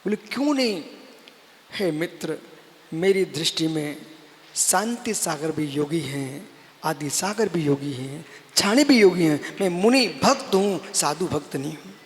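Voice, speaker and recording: A man's voice: a little high, lively intonation, unhurried. A man giving a sermon as a monk, exhorting his listeners, calling them by name and repeating phrases for emphasis. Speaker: Jain monk preacher. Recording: long hall reverb.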